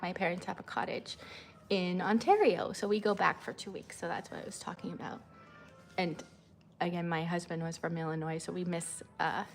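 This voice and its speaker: A woman, chatting casually on a livestream, rambling with many fillers. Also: a little hiss or hum. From Canada. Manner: rambling with many fillers, high sing-song when coaxing her child. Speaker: vlogger and mother.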